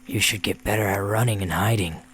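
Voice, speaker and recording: A man voicing a taunting male demon with a rough old smoker's voice, in a spoken horror story. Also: lowish voice, brisk, a bit bright, a little hiss or hum, lightly acted. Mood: gloating menace. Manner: taunting, mocking.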